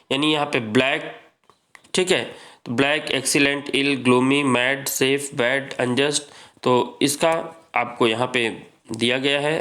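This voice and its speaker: A male teacher working through an exam-prep grammar lesson at a slow, unhurried pace. He explains patiently and circles back to repeat each point, addressing his students as friends. His voice sits at an ordinary middle pitch. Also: fairly bright tone.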